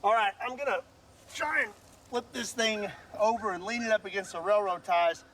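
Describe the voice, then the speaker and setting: An American man talking casually and excitably as he hosts an unscripted outdoor demonstration. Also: high-pitched, moderate pace, a little hiss or hum. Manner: excitable, exclaiming. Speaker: host of a shooting video. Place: outdoors at a shooting range.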